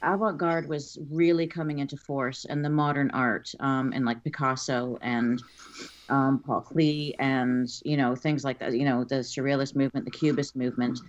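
A woman's voice: rumbling low, fairly even intonation, normal speed. A woman speaking as an expert guest in a casual interview. She explains at length, with frequent ums and restarts. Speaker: guest expert on art crime. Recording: slightly dull lo-fi audio.

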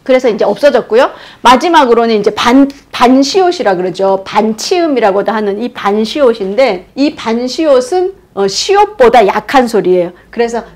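A woman giving an animated history lecture, demonstrating old pronunciations aloud and laughing often. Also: fairly high pitch, moderate pace, few pauses. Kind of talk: explanatory lecture.

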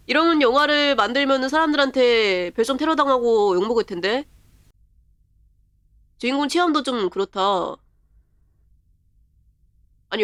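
A woman live-streaming a horror game, chatting and reading the game's text aloud as she plays. She often breaks into quick strings of repeated exclamations. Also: fairly high pitch, fairly bright tone, no room sound. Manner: bursts of rapid repeated exclamations.

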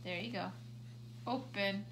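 Indoors on the carpeted floor of a home living room, a woman plays with a toddler, patiently prompting simple words and manners as she coaches the child through play. Her voice is mid-range and a little slow, with a noisy background.

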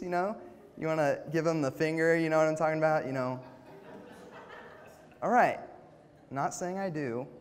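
Young man preaching in a reverberant hall. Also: medium pitch. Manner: conversational, with fillers and direct questions to the audience. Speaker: church intern preaching. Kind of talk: casual sermon. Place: church hall. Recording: long reverb of a church hall.

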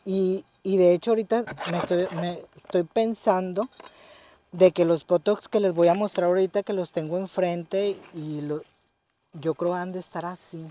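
A woman's voice: on the low side, mellow, a little hiss or hum. A woman talking casually in a home gardening vlog, fussing tenderly over a plant and often telling viewers to look. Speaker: gardening vlogger.

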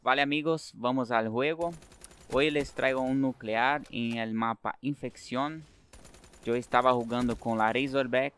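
Male gaming creator, Brazilian accent, native Portuguese, smooth clear voice, simple non-native phrasing for gameplay commentary. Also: mid-range voice, fairly even intonation, a little slow, fairly bright tone.

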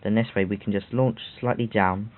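A man's voice: lowish voice, fairly even intonation, brisk, a little hiss or hum. A man giving rambling game walkthrough commentary with self-mocking asides. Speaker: game tutorial host. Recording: tinny phone-like audio.

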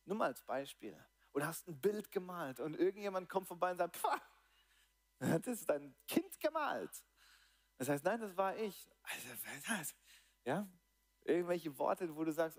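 A man preaching a sermon in German, animated, swinging between excited highs and quiet, low lines. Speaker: pastor. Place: church hall.

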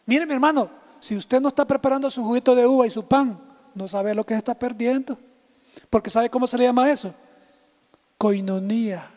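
In a large hall, a male pastor with a very high, slightly fast voice delivers a livestreamed sermon. He teases playfully and keeps addressing people watching in the chat.

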